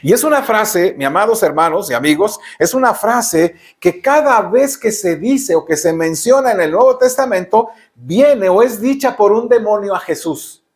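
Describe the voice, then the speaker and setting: High-voiced Mexican preacher, emphatic. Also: male voice, animated, normal speed, hardly any pauses. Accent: Mexican Spanish. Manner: emphatic preaching, frequent rhetorical questions to the congregation. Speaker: pastor. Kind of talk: sermon.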